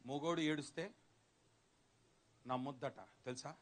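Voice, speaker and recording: A man's voice: a little high, a little slow. A man preaching in church, calling on the congregation to answer back and acting out Bible stories in little voices. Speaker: pastor. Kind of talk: sermon. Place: church hall.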